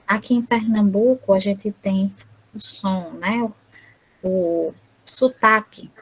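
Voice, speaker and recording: A woman interpreting an online lecture aloud, speaking haltingly with frequent tag questions. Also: medium pitch, steady tone, husky, low-quality recording.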